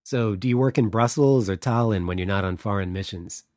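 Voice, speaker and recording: A man's voice: on the low side, brisk, darkish tone, dry recording, clean studio sound, lightly acted. A man voicing an awkward male journalist who speaks hesitantly and politely.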